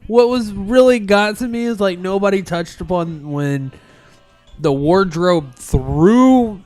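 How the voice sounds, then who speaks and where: A man's voice: high voice, takes it slowly, darkish tone, dry recording, soft background music. A man co-hosting a podcast, bantering casually, joking and swearing. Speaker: podcast co-host.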